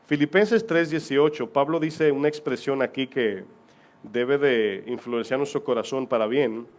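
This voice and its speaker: A married man serving as pastor preaches a sermon to his congregation, reading scripture aloud and posing rhetorical questions. His voice is medium-pitched and his pace measured.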